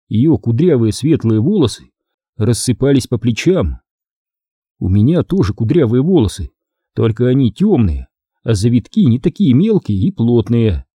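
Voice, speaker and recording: Dark, husky male audiobook narrator. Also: medium pitch, moderate pace, no echo, studio quality. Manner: expressive storytelling. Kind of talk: scripted narration.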